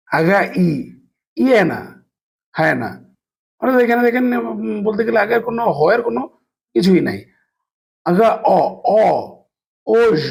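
A man teaching a language lesson, slowly spelling out letters and sounds with many hesitations. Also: high voice, vocal fry, breathy edge. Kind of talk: explanatory lesson.

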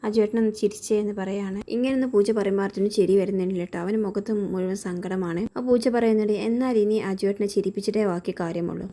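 Fast-talking woman recapping a serial. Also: medium pitch, a little mellow. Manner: brisk running recap, reading the characters' dialogue in her own voice. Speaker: serial review host. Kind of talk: casual retelling of a TV serial episode.

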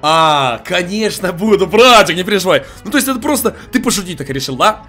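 Casting: young male game streamer, high lively teasing voice, headset mic, faint game music. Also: brisk. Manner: mocking, playful, loud exclamations. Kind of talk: teasing prank call while playing. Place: home streaming room.

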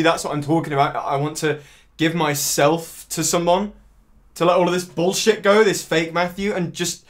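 An actor playing a bitter, self-loathing man in a film monologue, speaking haltingly and searchingly, swearing and repeating his words. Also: on the low side, close to an everyday voice. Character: troubled, despairing man named Matthew, bitter and self-loathing.

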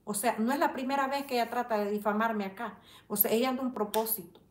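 A woman's voice: a little high, steady tone, fast, roomy sound, slight background noise. A woman hosting a live chat, reading viewers' comments and indignantly defending herself, with religious phrasing. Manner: indignant, defends herself and addresses a rival directly; religious phrasing, prays for her audience. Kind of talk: casual live-stream chat.

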